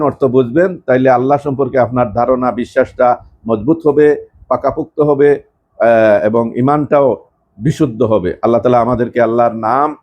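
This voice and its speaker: A man, reciting and explaining a long list of sacred names in a measured, steady way, now and then pausing with a filler. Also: medium pitch, muffled recording. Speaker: Islamic preacher.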